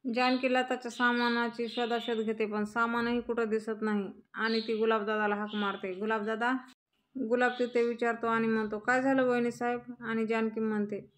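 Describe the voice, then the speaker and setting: Brief: female storyteller retelling a drama episode, slightly high voice, little pitch movement, reads quoted lines in her own voice. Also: little pitch movement, normal speed. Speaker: narrator retelling a serial episode.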